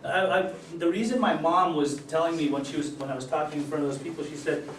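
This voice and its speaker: A man's voice: a little high, a bit bright, slight background noise. Earnest man speaking in an echoey hall. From born in Germany, raised in Utah. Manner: earnest, halting with many fillers. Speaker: recovery speaker. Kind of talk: personal testimony speech. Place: event hall. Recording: echoey hall, distant mic.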